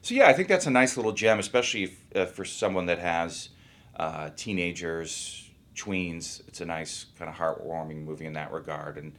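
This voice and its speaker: A man who is an actor, talking about his work in a relaxed, rambling interview. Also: sits low, normal speed. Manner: easygoing, rambling, thinks aloud. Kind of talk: casual interview talk.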